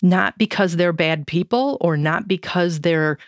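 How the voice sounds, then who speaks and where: A woman's voice: lowish voice, a little slow, no echo, studio quality. A woman hosting a solo podcast, talking candidly and reflectively about lessons from running an online business, with a touch of sarcasm.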